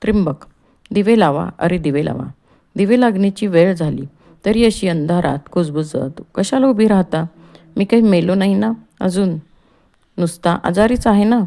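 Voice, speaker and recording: Woman voicing cranky sick old guy, restless, gravelly and dark, storybook play reading. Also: fairly low pitch, moderate pace. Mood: fretful. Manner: complaining, agitated. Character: ailing older man, restless, fretful householder.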